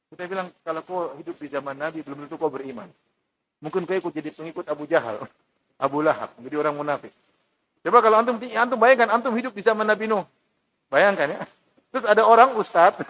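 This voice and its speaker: A male preacher at a mosque giving a Quran commentary lesson, animated, acting out mocking townsfolk in lively asides. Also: high voice, a little fast, poor audio. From Indonesia. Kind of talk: mosque study sermon.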